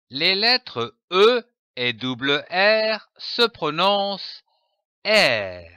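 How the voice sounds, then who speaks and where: A man's voice: on the high side, sharp tone, smooth, dry recording, studio quality. A man narrating a scripted reading lesson, carefully spelling out letters and syllables. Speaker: reading teacher.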